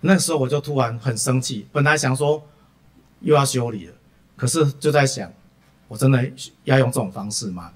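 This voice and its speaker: A middle-aged man preaching a sermon through lively personal anecdotes, full of "ah" fillers. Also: mid-range voice, moderate pace.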